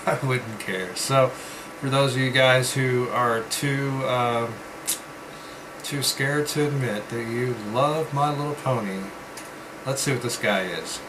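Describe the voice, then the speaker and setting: Male vlog reviewer, mid-pitched, casual and rambling with halting pauses, noticeable room hum behind him. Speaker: vape reviewer. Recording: steady background hum, like air conditioning.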